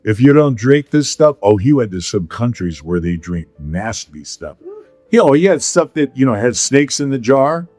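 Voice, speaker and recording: A middle-aged man hosting a relaxed talk, drifting from one story to the next. He keeps circling back on himself and breaking into laughs. His voice sits close and dry on the mic, with faint music under it. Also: mid-range voice, moderate pace, no room sound. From Pacific Palisades, California. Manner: rambling storyteller, laughs often. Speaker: podcast host. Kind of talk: casual chat.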